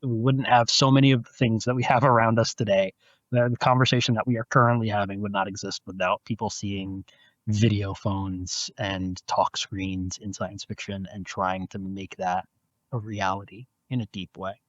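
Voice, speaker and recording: A man with a low voice works through his answers with care, picking his words and restarting as he goes. The sound comes over a video call and is dull and lo-fi. The audio is dry, with no room echo. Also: little pitch movement. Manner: measured, explanatory, with frequent restarts. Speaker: guest, philosophy professor. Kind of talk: thoughtful interview answers.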